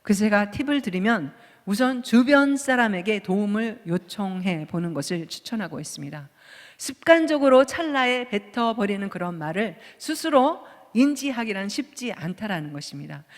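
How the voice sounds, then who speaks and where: Korean woman pastor, fifties, mid-pitched, chatty sermon with questions to the pews, hall reverb. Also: expressive, normal speed. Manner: conversational preaching with rhetorical questions to the congregation. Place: church sanctuary. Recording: long church hall reverb.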